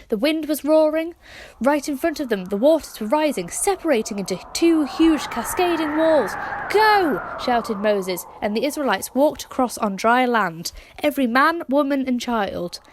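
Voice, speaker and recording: Woman, storyteller, dramatic children's Bible reading, slightly high voice. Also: background noise. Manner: dramatic, expressive narration.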